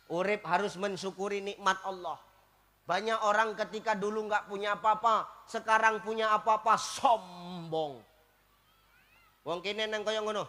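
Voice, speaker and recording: A man's voice: very high-pitched, bright, forceful tone. A man preaching a comic sermon to a live crowd, teasing the audience and often asking them to agree.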